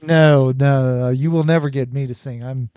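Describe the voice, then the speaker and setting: A man's voice: medium pitch, fairly even intonation, normal speed, darkish tone, clear, resonant tone, dry recording, muffled recording. A man on a panel podcast who talks hesitantly and pokes fun at himself. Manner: hesitant, self-deprecating. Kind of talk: casual panel discussion.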